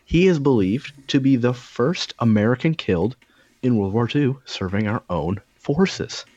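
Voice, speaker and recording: A man's voice: medium pitch, lively intonation, a little slow, a little mellow, no echo, muffled recording. A man in a casual chat, telling stories in a rambling, profane way with lots of fillers.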